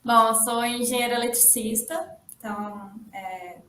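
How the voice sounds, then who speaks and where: A young woman from Minas Gerais, an electrical engineer, chatting relaxed as an interview guest. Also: on the high side, unhurried. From Formiga, Minas Gerais, Brazil. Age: young adult. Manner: relaxed, chatty, with small restarts and laughs. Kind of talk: casual interview talk. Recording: echoey room, distant mic, faint noise.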